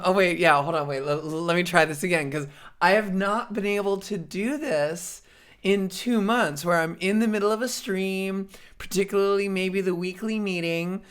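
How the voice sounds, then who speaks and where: Jet-lagged woman streamer, scattered and rambling, swears and laughs a lot, mid-pitched voice. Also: clean tone. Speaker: livestream host. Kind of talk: casual live stream chat.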